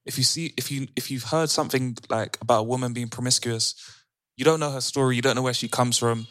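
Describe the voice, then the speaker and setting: A man's voice: medium pitch, steady tone, fast talker, a bit bright, no echo. A man hosting a casual podcast in a London roadman accent. He speaks in urban slang with earnest emphasis, and the recording is dry with little room sound. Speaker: podcast host. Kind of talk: casual discussion.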